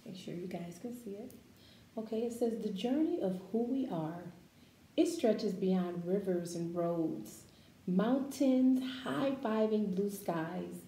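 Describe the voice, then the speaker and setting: A picture book is read aloud to children by a woman whose voice falls in the mid-range; she is deliberate and expressive, adding casual asides and questions for the kids. Expect echo from the room and slight noise behind her.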